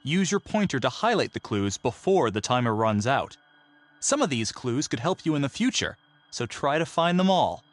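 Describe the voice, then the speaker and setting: An actor voicing instructional tutorial prompts in a game. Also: male voice, medium pitch, moderate pace, lightly acted. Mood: instructive. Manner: instructional, even. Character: male tutorial announcer.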